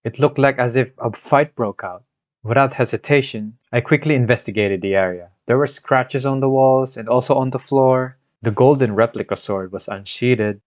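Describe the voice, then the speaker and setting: Medium in pitch, this man's voice carries a scripted video game story summary told as a narrative. He records at home on a microphone whose sound is dry, dull and lo-fi, with some scuffed sections.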